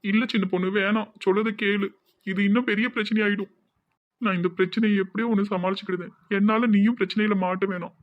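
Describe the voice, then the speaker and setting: A tearful, anxious young village man with a Tirunelveli accent, as a man acts him out in a cartoon. He talks quickly in a high voice and keeps pleading. The sound is dull and dry. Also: fairly even intonation, no echo, natural voice. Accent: Tirunelveli Tamil.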